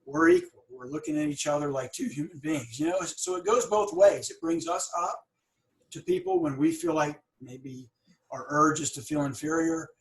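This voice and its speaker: On his podcast, a middle-aged dentist and practice owner carries on a conversational interview with earnest sincerity, occasionally stuttering over or repeating words. His fairly high voice has a sing-song lilt and vocal fry at a normal speed. The audio is poor.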